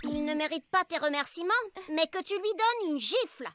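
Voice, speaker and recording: A woman's voice: very high-pitched, expressive, moderate pace, fairly bright tone, faint music behind. A woman voicing a boastful, gluttonous male pig in a dubbed cartoon, blustering and indignant.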